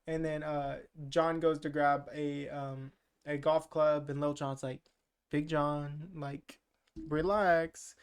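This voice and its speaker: A podcast co-host goes over a movie in jokey, profane, rambling chat loaded with "uh" and "like". He speaks a little slowly in a slightly high, clean voice with a level tone.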